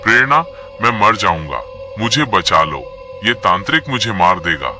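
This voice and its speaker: A man's voice: on the low side, very animated, normal speed, bright, forceful tone, soft background music, heavily acted. A man playing a young husband who talks harshly and dismissively. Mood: terrified. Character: young husband, quarrelsome then frightened.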